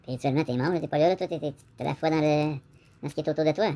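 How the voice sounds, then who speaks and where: A man on the high side speaks very fast in a warm tone, his Québécois French accent clear as he rambles through a casual vlog. He addresses the viewer directly, wanders from point to point, and uses "là" as a constant filler.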